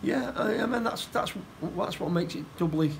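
A middle-aged football manager giving a post-match interview, plain-spoken and halting, often repeating his words. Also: high voice, animated, gravelly, slight background noise, poor audio. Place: indoor room by a stadium door.

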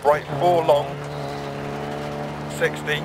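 Over a roaring car engine, a focused male rally co-driver in a racing game. He fires off rapid, clipped pace notes in a fairly high, gravelly voice with an even pitch. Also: heavily acted. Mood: brisk, focused. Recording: loud car engine noise.

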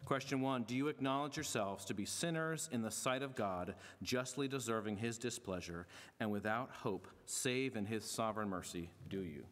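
A man's voice: on the low side, moderate pace, a bit bright. A middle-aged man, a pastor, speaking from a pulpit in a large church sanctuary, mixing formal readings with friendly joking asides. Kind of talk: church membership service address. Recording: long reverb of a church hall.

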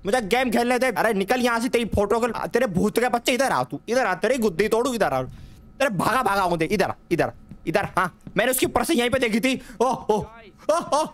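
A man's voice: extremely high pitch, expressive, fairly quick, fairly bright tone. Jokey young man narrating a horror game. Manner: jokey and rambling, taunts the game's ghosts; repeats words in nervous streams of reassurance. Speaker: gaming YouTuber. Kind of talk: comic horror game commentary.

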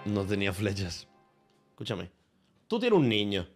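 Lively man streaming, swearing freely. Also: on the low side, a little slow, husky, faint music behind. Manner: animated, swears freely, bursts into laughter. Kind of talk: casual live-stream chat while gaming.

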